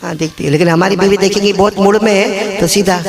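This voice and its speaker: High-voiced preacher calling to a crowd. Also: male voice, steady tone, fairly quick, creaky. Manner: calls on crowd to repeat and respond; joking asides to the audience. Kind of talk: live religious sermon with storytelling. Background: audience gathering.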